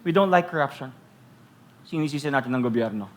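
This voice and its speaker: A Filipino man preaching a sermon as pastor, teasing the congregation with rhetorical questions and loudly acting out quoted voices. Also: mid-range voice, animated, brisk, a little hiss or hum. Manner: switches between Tagalog and English, acts out quoted voices loudly.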